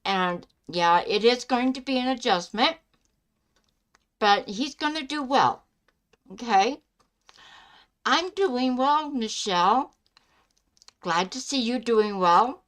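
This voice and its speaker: A woman chatting casually as a live stream host, speaking in a halting way with pauses mid-sentence. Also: a little high, animated, fairly bright tone. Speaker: live stream host giving psychic love readings.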